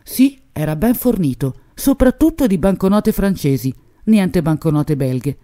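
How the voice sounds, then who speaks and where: A woman reading an audiobook, voicing a smooth-talking, deferential male waiter. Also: on the low side, animated, unhurried, mellow, no echo, clean studio sound.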